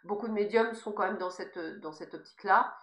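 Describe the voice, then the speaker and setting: Speaking straight to her listeners, this spiritual guide delivers her messages with emphasis and encouragement in an informal way. She has a mid-range voice, talks a little fast, and lisps on her s sounds. The recording has a reverberant, echoey room sound.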